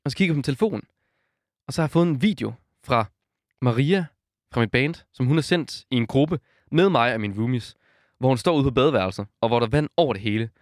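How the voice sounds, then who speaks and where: A young man co-hosting a podcast, telling a story in a casual, animated way and laughing often. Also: medium pitch, dry recording, clean studio sound. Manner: animated storyteller, acts out quotes, laughs a lot. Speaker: podcast co-host.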